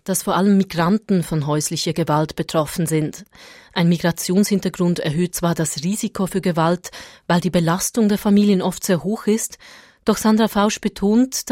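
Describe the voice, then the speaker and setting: A woman reporter reading a scripted radio news feature in an even, measured way. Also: fairly low pitch, dry recording, studio quality.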